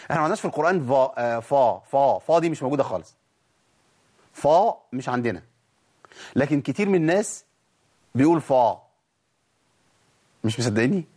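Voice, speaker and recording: Fast-talking Egyptian man teaching recitation. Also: mid-range voice. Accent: Egyptian Arabic. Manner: animated, demonstrating sounds with repeated examples. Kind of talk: tajweed lesson.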